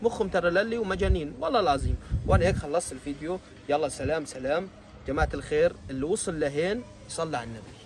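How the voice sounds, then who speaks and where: A man's voice: fairly high pitch, expressive, racing. A man hosting a reaction video, ranting in mock outrage and exasperation. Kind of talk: comic reaction commentary.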